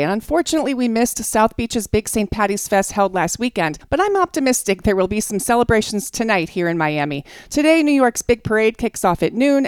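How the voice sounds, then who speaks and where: Travel radio host, woman, loud dense radio-announcer read, polished and resonant, close mic with no room sound. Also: a little high, smooth, dry recording. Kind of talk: scripted radio travel segment.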